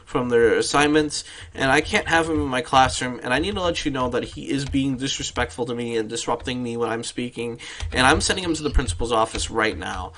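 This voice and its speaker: A man putting on the voice of a female high school teacher who scolds and lectures in an indignant, over-the-top way. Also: brisk, fairly bright tone, a little hiss or hum, lightly acted. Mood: scolding.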